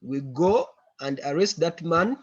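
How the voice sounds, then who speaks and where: A man gives a report to colleagues over a conference call. His voice is on the high side and somewhat husky, and he circles back over his phrases. The online audio is a bit dull. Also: animated, unhurried. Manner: repeats words and phrases while recounting. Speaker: member of an organisation reporting to a meeting.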